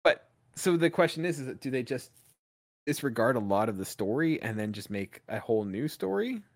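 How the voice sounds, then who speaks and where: A man talking casually on a podcast from a remote call. His pitch swings widely as he talks, and he rambles, stacking fillers as he works through his thoughts. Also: a little fast. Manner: rambling, animated, lots of "like" fillers. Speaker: podcast co-host. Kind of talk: casual chat.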